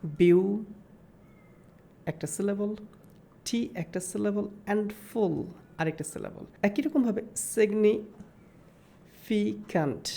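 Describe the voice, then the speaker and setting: A woman giving a recorded English grammar lesson, explaining step by step and slowing down to sound out example words. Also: mid-range voice, vocal fry, warm tone.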